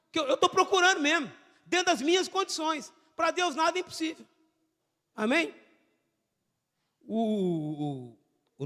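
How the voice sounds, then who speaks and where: A Brazilian man preaching as a pastor, with rising shouts and frequent calls of amen. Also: very high-pitched. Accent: Brazilian Portuguese. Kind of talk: Pentecostal sermon. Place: church. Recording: church hall reverb.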